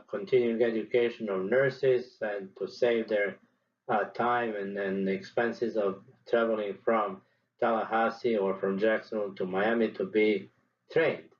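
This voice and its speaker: Older man, muffled recording. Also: medium pitch. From Serbia. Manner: deliberate, measured lecturing with pauses. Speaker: statistics professor. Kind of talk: recorded teaching presentation.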